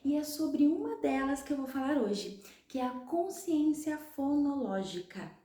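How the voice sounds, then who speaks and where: A woman with a Brazilian Portuguese accent, a literacy educator explaining things to parents clearly, step by step. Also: high voice, sing-song, measured pace, warm tone, roomy sound.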